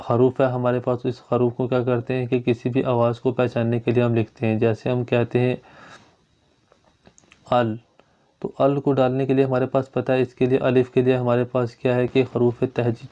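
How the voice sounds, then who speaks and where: A man's voice: mid-range voice, warm tone. A man teaching a grammar lesson. He explains step by step and repeats his points. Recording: dull lo-fi recording.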